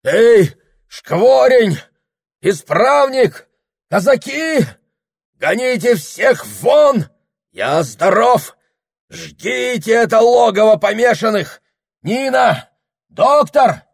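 A man voicing a delirious wealthy middle-aged man in an audiobook, shouting frantically and whispering feverishly. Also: on the low side, expressive, slow. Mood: frantic shouting. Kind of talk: audiobook character voice.

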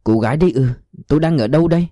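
A man's voice: a little high, rapid-fire, mellow, no room sound, clean studio sound, pitched above the performer's own voice, natural voice. A man voicing a grieving, confused old man who stammers and pleads. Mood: pleading confused. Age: older.

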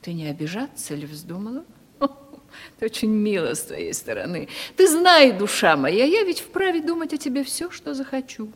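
A slightly high, sing-song female voice at normal speed portrays a vain, domineering aging provincial lady in a Russian radio play. The 1970s recording is reverberant, and her theatrical, imperious delivery comes across stern and condescending.

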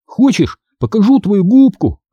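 A man's voice: high-pitched, sing-song, unhurried, no room sound, lo-fi sound, voice pushed up, heavily acted. A man voicing an eager young boy who talks breathlessly. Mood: excited.

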